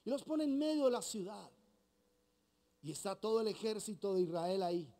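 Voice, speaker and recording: Colombian male pastor, high lively voice, animated sermon delivery. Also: normal speed. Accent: Colombian Spanish. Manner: animated preaching, acting out dialogue.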